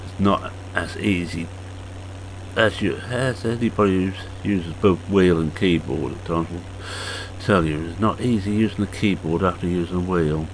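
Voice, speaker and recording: In this casual gameplay commentary, a farming game video maker in his sixties rambles in a relaxed, unhurried way, pausing on fillers. His very low voice sounds hoarse and croaky, and the recording is rough, with a faint engine hum underneath.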